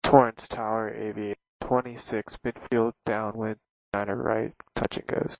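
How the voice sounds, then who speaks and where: A man's voice: fairly low pitch, flat delivery, unhurried, vocal fry, no echo. A man speaking as a pilot over the aircraft radio, giving terse, clipped readbacks in radio phraseology. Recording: dull lo-fi radio transmission.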